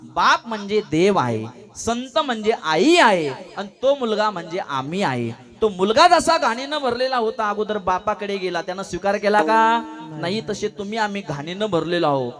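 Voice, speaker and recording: A man's voice: high voice, big pitch swings, normal speed, fairly bright tone. A man preaching a devotional kirtan to a live audience. He keeps putting questions to the listeners and acts out the people in his story.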